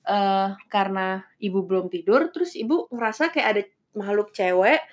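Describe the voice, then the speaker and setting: A woman's voice: mid-range voice, expressive, moderate pace. Middle-aged mother telling stories. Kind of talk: casual chat.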